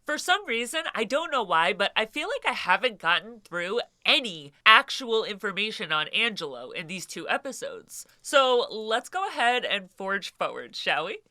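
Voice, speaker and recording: A woman narrates true crime casually, like a chatty host talking to regular viewers. Her voice is bright and forward but clearly congested, with the blocked, nasal sound of a head cold. The sound is dry, with very little room around it. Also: mid-range voice, big pitch swings, moderate pace, hardly any pauses, no echo. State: sick with a stuffed nose.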